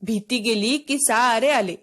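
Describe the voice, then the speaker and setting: A woman's voice: a little high, measured pace, fairly bright tone. A woman voicing a kind young man who teaches a boy to swim, with patient, encouraging instructions. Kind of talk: storybook reading.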